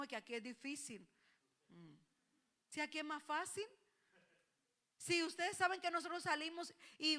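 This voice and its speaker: A woman pastor preaching a sermon, animated, swelling to loud exclamations and quoting her congregants in dialogue. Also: high-pitched.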